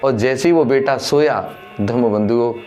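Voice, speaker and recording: A man tells a moral story as a Buddhist sermon, his voice at an ordinary middle pitch. He calls the listeners brothers in the dhamma and rises in pitch when he acts out the lines of the people in the tale. Soft instrumental music plays faintly behind him. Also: moderate pace. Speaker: Buddhist preacher.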